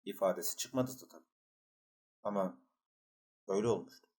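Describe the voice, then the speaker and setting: A man narrating a literary novel as an audiobook, with a measured, even storytelling delivery. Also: low voice, husky.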